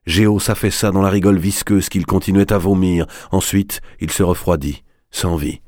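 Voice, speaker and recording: A man reading a dark novel aloud as the narrator, in a measured, dramatic way. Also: deep voice, fairly even intonation, dry recording, clean studio sound. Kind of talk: audiobook narration.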